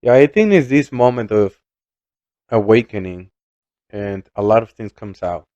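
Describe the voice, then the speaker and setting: A man's voice: lowish voice, measured pace, dark tone, no echo, muffled recording. A man, co-hosting a casual chat, reflective and hesitant, often repeating words. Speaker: podcast co-host.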